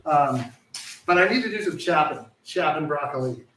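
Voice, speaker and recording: A rambling man hosts a live cooking show from his kitchen, and his voice comes across bright and somewhat pitched up. He keeps correcting himself and cracking jokes as he cooks. The sound is roomy and echoey, since he stands back from the mic. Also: expressive, moderate pace, distant mic, slight background noise. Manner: rambling, self-correcting, joking. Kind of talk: casual live cooking chat. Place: home kitchen.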